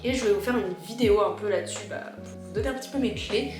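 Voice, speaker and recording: A woman's voice: mid-range voice, quick pace. Woman vlogger, roomy echoing sound. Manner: informal, explanatory, addresses viewers directly. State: slightly worn, strained voice. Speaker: video creator giving personal advice. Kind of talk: casual advice vlog, chatty. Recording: roomy echo with music behind.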